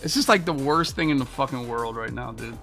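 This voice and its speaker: A man's voice: medium pitch, brisk, vocal fry, bright, forceful tone, faint music behind. An American man in his thirties doing live gameplay commentary as a streamer, with a frustrated, swearing manner. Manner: frustrated, profane griping. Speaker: video game streamer. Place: small indoor streaming room with monitors.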